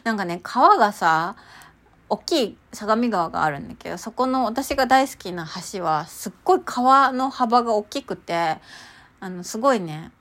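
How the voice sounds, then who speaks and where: A woman talking casually and chattily about her walks and inner experiences, with many fillers and sudden excited outbursts. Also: normal speed. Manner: chatty, animated, bursts into high excited exclamations; many fillers, lots of sentence-final さ. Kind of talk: casual spiritual chat.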